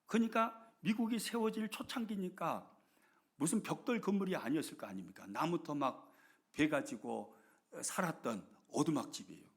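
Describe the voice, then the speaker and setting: Middle-aged male pastor, husky and fairly high, with a very animated sermon delivery that dips into hushed asides. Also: normal speed. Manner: dramatic storytelling, swinging from loud to hushed. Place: church sanctuary.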